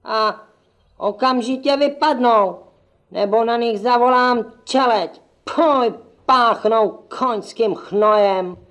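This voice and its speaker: Puppet-play castle valet voiced by a woman: high, fussy, pompous, stammering. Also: close to an everyday voice. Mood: huffy, indignant. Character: haughty, fussy castle valet, a male servant.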